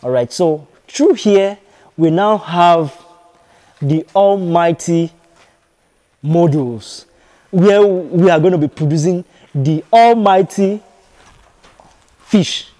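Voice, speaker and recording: A young man from Nigeria giving a walking video tour of a fish farm, talking haltingly with many fillers and repeated phrases. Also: sits high, dark tone. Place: large concrete fish farm buildings, partly open-air. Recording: long reverb in bare concrete halls.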